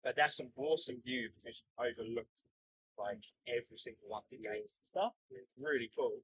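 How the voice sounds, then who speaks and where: A man's voice: mid-range voice, sing-song, brisk, vocal fry, fairly bright tone, breathy edge, low-quality recording. A man with a broad New Zealand accent chatting casually as a livestream host, upbeat, matey and enthusiastic. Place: outdoors beside an airport.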